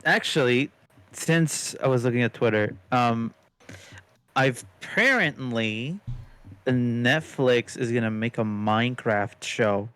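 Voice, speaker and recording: Smooth-voiced man chatting, a bit hesitant. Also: medium pitch, slow pace. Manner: relaxed, hesitant, lots of fillers. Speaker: podcast co-host. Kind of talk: casual chat.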